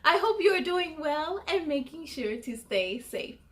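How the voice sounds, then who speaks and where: Speaking in an unhurried, high-sitting voice, a woman reads a children's storybook aloud for story time. The recording is dry, and her expressive reading often turns to address the young viewers directly.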